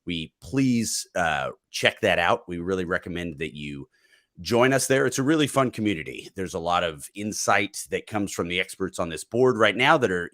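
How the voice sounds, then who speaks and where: Man, very low voice, podcast host, cold, dry close sound, joking and relaxed. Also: dry recording. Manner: relaxed, joking, reads out viewer questions. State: has a cold. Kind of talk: live stream sports talk.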